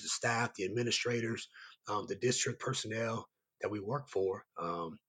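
Hoarse, raspy man in an interview. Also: on the low side, a bit bright. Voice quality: raspy, strained voice. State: hoarse from yelling. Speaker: high school basketball coach and site coordinator, guest. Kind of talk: conversational interview answers.

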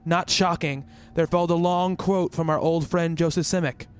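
Here a man's smooth, lightly acted voice runs on the high side, with a steady tone and a normal speed. He is a worried, rational researcher in an uncanny radio play, a thoughtful narrator and character heard over music. His dialogue and first-person narration feel measured and pensive.

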